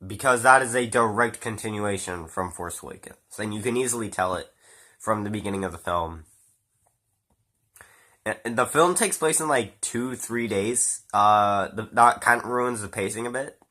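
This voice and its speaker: At a normal speed, a man with a voice on the low side and a bright, forceful tone gives a rambling, casual spoken film review. He has a stuffy nose from a cold, and his talk as a movie reviewer includes fillers and the occasional swear.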